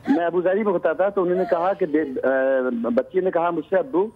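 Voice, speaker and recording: A middle-aged man from Pakistan calling in to a show, sharing a story earnestly and haltingly. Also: high voice, a crowd in the background. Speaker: caller. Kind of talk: phone-in call. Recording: tinny phone line, husky.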